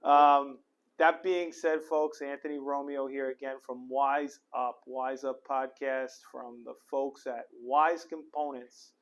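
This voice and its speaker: Talking slowly with a flat delivery and medium pitch, this middle-aged podcast host chats from an office in the city. The casual interview is upbeat and peppered with fillers and false starts.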